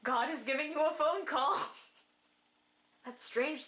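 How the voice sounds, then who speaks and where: A woman giving excited game reaction commentary, gasping and squealing as she plays. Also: sits high, takes it slowly. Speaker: gaming channel host. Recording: game music loud beneath voice. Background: game music.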